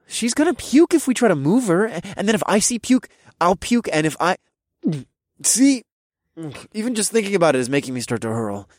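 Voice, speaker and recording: A man's voice: high voice, big pitch swings, moderate pace, no echo, studio quality, pitched above the performer's own voice. A man voicing a young man who pretends to be drunk, giggly and slurring for an audiobook story. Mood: queasy.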